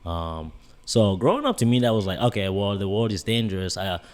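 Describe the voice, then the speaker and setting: A man in his twenties from Cameroon, a guest on a podcast telling stories in lively casual talk. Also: lowish voice, a little fast. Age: 20s. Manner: animated storytelling, lots of "you know". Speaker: guest, bodybuilding coach. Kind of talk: casual interview chat.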